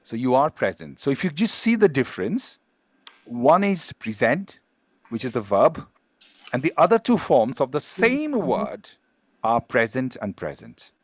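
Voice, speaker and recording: A man's voice: medium pitch, big pitch swings, moderate pace, no room sound, dull audio. A man teaching an English pronunciation class on a video call, explaining patiently with examples.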